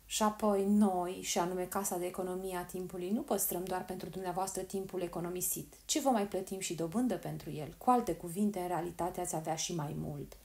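A woman reading as a cold smooth-talking male agent. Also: on the low side, steady tone, hardly any pauses, darkish tone. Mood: coaxing. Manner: smooth, calculating, coaxing. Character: cold persuasive male time-bank agent. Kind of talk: audiobook reading.

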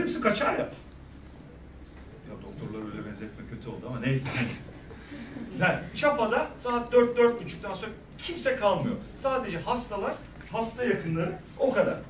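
A middle-aged man speaking as a guest at a school career day, telling stories in a lively way and acting out the people he quotes. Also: high-pitched, a little hiss or hum. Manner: animated, acts out quoted voices, jokes with the audience. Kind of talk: lively storytelling talk to students. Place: large echoey school hall. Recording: echoey hall, speaker far from mic.

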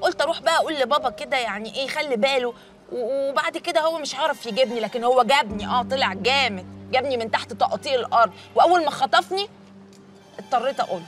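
Faint music plays behind an animated woman whose voice sits high. She is an actress with an Egyptian Arabic accent in a comedy series, cast as a young teacher who chatters, teases, and keeps up brisk, playful banter in TV comedy drama dialogue.

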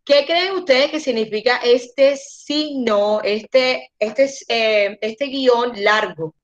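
Patient woman, higher voice, teaching English over a dull-sounding call line. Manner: patient, slows down to model pronunciation. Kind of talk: online class instruction.

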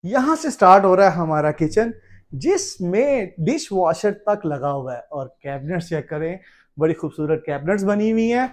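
A high-voiced man in his thirties hosts a casual travel vlog, talking straight to viewers like a showman, animated and quick to exclaim. His informal tour narration starts outdoors on a wooded road and then moves inside a cottage.

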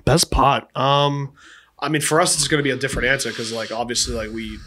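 Laid-back young Boston podcast host. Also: male voice, mid-range voice, little pitch movement, brisk, pushed and bright. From Boston area. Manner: laid-back, swears casually, says "bro". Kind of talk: casual chat, reading fan questions.

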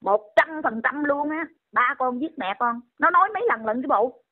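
A woman's voice: high-pitched, animated, moderate pace. An older woman, scolding and exclaiming in indignant commentary. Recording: tinny phone line.

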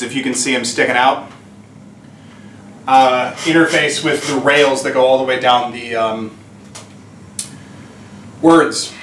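Working on his shop, a thirtysomething owner narrates a casual, upbeat how-to vlog of the renovation, explaining each step along the way. He speaks at medium pitch with a fairly bright tone. An on-camera mic, at arm's length or on a stand, captures roomy echo in the low-ceilinged indoor workroom and a little hiss or hum.

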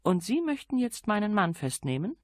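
A man reading an audiobook, voicing a grand aristocratic lady who speaks with brisk, commanding politeness. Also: sits high, very animated, darkish tone, no echo, clean studio sound, pitched above the performer's own voice. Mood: imperious. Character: grand, imperious aristocratic lady of ample size. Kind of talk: audiobook character voice.

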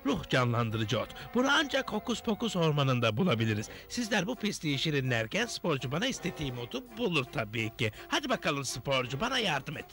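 Papa Smurf, swooping elderly leader. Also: male voice, a little high, very animated, fairly quick, hardly any pauses, fairly bright tone. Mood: purposeful. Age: older. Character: kindly old fatherly smurf village leader. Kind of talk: animated cartoon dub. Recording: music under the voice.

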